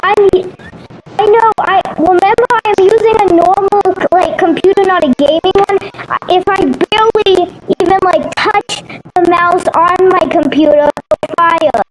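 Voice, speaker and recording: A woman's voice: extremely high pitch, a little slow, a little hiss or hum, rough recording. A woman chatting with a teammate while gaming, rambling and apologetic, with many false starts. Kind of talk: casual voice-chat banter while gaming.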